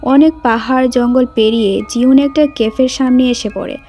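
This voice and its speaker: High-voiced woman telling a movie story, doing all the lines herself, warm tone. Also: fairly even intonation, normal speed, faint music behind. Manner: reads all characters' lines in her own voice. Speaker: movie recap narrator. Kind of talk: storytelling narration with voiced dialogue.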